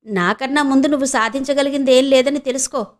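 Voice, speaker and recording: Woman reading as stubborn young woman, sharp-tongued, taunting, audio novel. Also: high voice, steady tone, quick pace, close to an everyday voice. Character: bold stubborn young woman, a scheming trickster.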